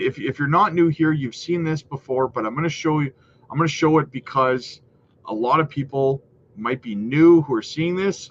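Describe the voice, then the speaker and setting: A man hosts a casual crypto market livestream, chatty and hyped, often calling viewers "guys." His voice is fairly high, a bit bright, and slightly nasal, heard through dull lo-fi audio with faint noise.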